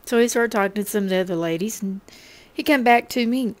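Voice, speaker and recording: A woman's voice: mid-range voice, fast talker, no room sound. A middle-aged woman casually telling a personal faith testimony in a folksy, chatty way, laughing as she goes.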